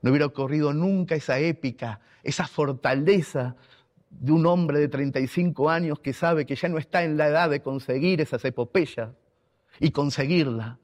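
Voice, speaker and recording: This radio contributor and writer from Argentina speaks at a moderate pace in a higher, slightly mellow voice. He recounts a personal story emphatically and emotionally, with an Argentine Spanish accent and words repeated for weight.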